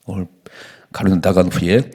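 A middle-aged male pastor preaching an early-morning prayer sermon in a church. He exhorts his listeners and acts out bits of dialogue in lively bursts. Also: deep voice, moderate pace, husky. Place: church sanctuary.

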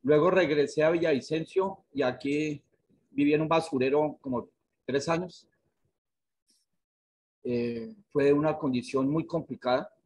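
Husky middle-aged man telling his story. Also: a little high, a little mellow. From Colombia. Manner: earnest, frank storytelling. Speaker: director of a therapeutic community. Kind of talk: testimony on a video call. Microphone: video call webcam.

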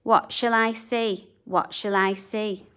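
A woman reading a children's picture book aloud in a slow, sing-song, expressive way. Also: mid-range voice, clear, resonant tone. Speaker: children's storybook reader. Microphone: camera above a book on a table.

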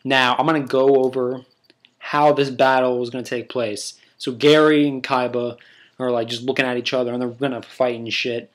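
Young man, casual vlog commentary, crude jokes, rambling, mid-pitched voice. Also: steady tone, normal speed. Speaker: video host.

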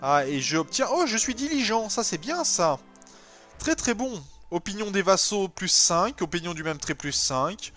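Brief: male gamer, slightly high voice, casual let's-play chatter, hesitant, then bursts of excitement, soft music underneath. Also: normal speed. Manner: thinks aloud, hesitant fillers, sudden excited bursts. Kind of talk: casual strategy game commentary.

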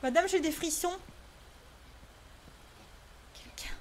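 A woman streams a horror game in a bright, high voice. She talks in jumpy, anxious bursts, swearing and exclaiming as she goes, pleading for it all to stop. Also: slow, slight background noise. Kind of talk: live gaming commentary.

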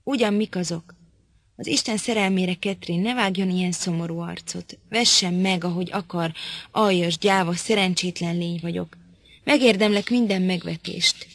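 A woman voicing a frail young man who begs and whimpers in a low, hushed voice. Each line sounds frightened and self-pitying. The audiobook recording is dry and close. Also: no room sound. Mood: pleading. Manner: pleading and whimpering. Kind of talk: audiobook character reading.

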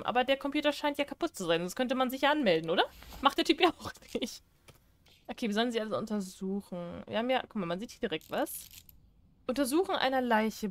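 High-pitched woman gaming, teasing the characters and laughing a lot, reads out the prompts. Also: no echo. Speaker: gaming YouTuber. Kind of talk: let's play commentary.

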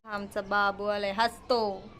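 A woman's voice: medium pitch, flat delivery, takes it slowly, background noise. A young woman with a Marathi accent chatting casually in a family vlog, playful and talkative, cooing at cats. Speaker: vlogger. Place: house with family, indoors.

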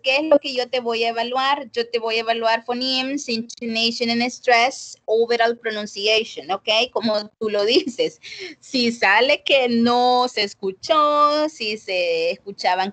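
A woman with a slightly high, fairly bright voice teaches a casual online English class over a video call, picked up by a computer mic. She's chatty and full of fillers while explaining grading and checking in with her students.

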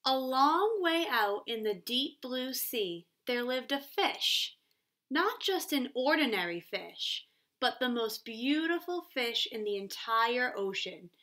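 A woman's voice: a little high, very animated, bright, forceful tone. A woman in her twenties, a schoolteacher explaining and reading aloud to young children with teacherly emphasis. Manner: clear teacherly emphasis, pauses for questions. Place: small room at home, kitchen.

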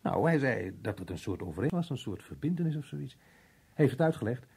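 A confused, evasive fellow in an old radio show. His voice is very husky and mellow, and he rambles haltingly with lively swings in pitch. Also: heavily acted. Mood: rambling, confused. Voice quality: husky, rough. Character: muddled, evasive working-class man, slow to grasp questions. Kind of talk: old radio drama acting.

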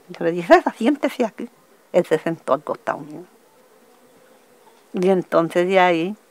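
An older woman from Colombia's Magdalena region with a Caribbean coastal accent, giving halting oral testimony and acting out quoted voices as she goes. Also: lowish voice, a little mellow. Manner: halting, restarting storytelling that acts out quoted voices. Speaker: interviewee, witness.

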